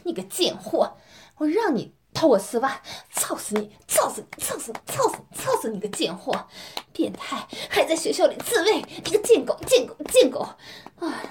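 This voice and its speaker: A woman playing a domineering, scornful young woman in an adult audio role-play, taunting with drawn-out questions. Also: sits high, very animated, background noise. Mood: harsh.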